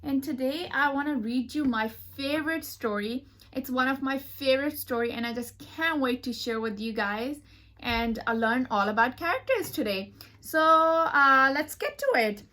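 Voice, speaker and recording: A woman with a voice that sits high reads aloud expressively to young children, calling them friends. She pauses to explain words and pictures as she teaches.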